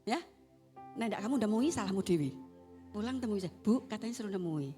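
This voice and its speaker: A woman with a Javanese accent preaching a sermon, swinging between loud exhortation and hushed asides. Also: mid-range voice, animated, a little fast, soft background music. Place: church service.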